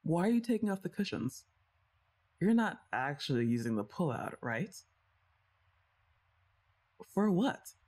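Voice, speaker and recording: Playfully bossy and teasing, a young woman speaks straight to the listener in scripted ASMR, softly sighing and laughing between lines. Her voice is on the low side and sing-song, moving up and down a lot at a measured pace with long pauses.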